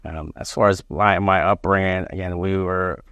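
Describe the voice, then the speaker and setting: A man in his forties from Barbados, a police chief answering interview questions in a measured, halting way with many fillers. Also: sits low, fairly even intonation, fairly bright tone, dry recording, muffled recording. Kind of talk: interview conversation.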